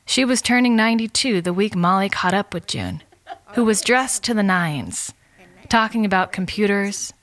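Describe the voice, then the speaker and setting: A woman's voice: medium pitch, moderate pace, fairly bright tone, no room sound. A woman reading scripted documentary narration as the host.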